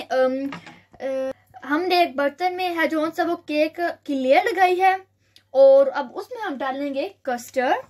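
A young woman hosting a home cooking video, calmly explaining each step with frequent pauses and fillers, recorded on a phone in her kitchen. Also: high voice. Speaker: cooking channel host. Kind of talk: home cooking tutorial narration.

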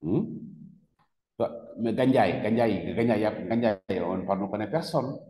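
A man's voice: lowish voice, slow pace, mellow. A man with a Senegalese French accent teaching a class, questioning students and repeating key words with emphasis. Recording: echoey classroom with long reverb.

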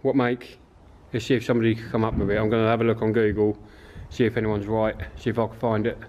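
The recording is muffled with slight background noise, and the man's lowish, slightly mellow voice is flat and fast. An English urban explorer vlogger, he casually narrates his way around an abandoned farm and its derelict barns, speaking to viewers and musing aloud.

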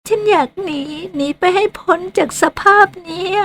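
A woman's voice: extremely high pitch, normal speed, a bit bright, a little hiss or hum. A woman voicing a tearful young ghost woman who wanders at night, sobbing, bitter and pleading, in a radio drama. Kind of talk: Thai radio drama acting.

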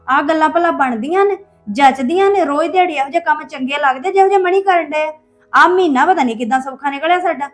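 A young woman, an actor in a family web drama, plays a hurt and defensive wife who complains and pleads in an upset mood. Her voice is high-pitched and natural, she talks fast, and soft music plays in the background.

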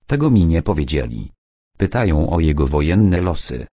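A man's voice: a bass voice, big pitch swings, moderate pace, dark tone, no room sound, clean studio sound, exaggerated voice. A man voicing a dutiful young army captain who sounds earnest and anxious. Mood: worried.

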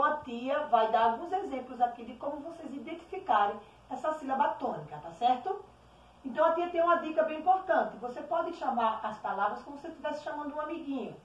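A Brazilian woman teaching small children from home, with a fairly high voice. She is affectionate and draws out the stressed syllables slowly. The audio sounds distant and dull, in a room with a lot of echo. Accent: Brazilian Portuguese. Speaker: primary school teacher. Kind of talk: remote lesson for young children.

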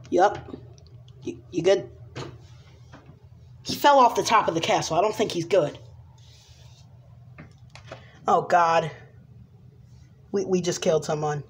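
A woman improvising a toy play video and voicing every figure herself, rambling and hesitant with many pauses and restarts. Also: fairly low pitch. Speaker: toy video creator voicing all characters.

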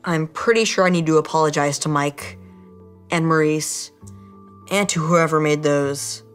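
A man's voice: on the high side, fairly even intonation, measured pace, smooth, faint music behind. A teenage boy speaking scripted kids' show dialogue in an earnest, plain way in an indoor studio set. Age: teens. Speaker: child actor playing a kid character.

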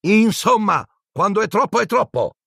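A man's voice: a little high, sing-song, normal speed, a bit bright, no room sound, clean studio sound, pitched above the performer's own voice. A man voicing a strict older woman professor who scolds sharply. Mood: stern, scolding.

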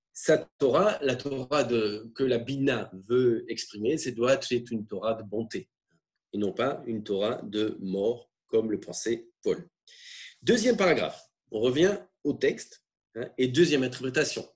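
A man lecturing on religious texts, explaining in a halting way with frequent tag questions. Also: mid-range voice, darkish tone.

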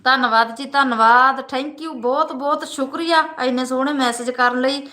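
A woman's voice: high voice, steady tone, normal speed, pushed and bright, roomy sound. A woman with a Punjabi Malwa accent, hosting a casual motivational live stream, talking earnestly and often asking her viewers "right?".

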